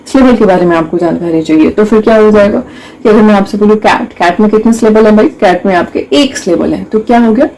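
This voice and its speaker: A woman's voice: mid-range voice, fast talker, darkish tone, slight background noise, poor audio. Woman teaching grammar in Hindi-English. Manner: explains step by step, asks rhetorical questions.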